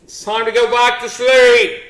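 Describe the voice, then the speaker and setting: A man's voice: extremely high pitch, level tone, measured pace, fairly bright tone. A man playing a tabletop game, bantering casually in a wry, joking way. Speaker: player on tabletop game show. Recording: echoey room, clearly noisy background, clicks.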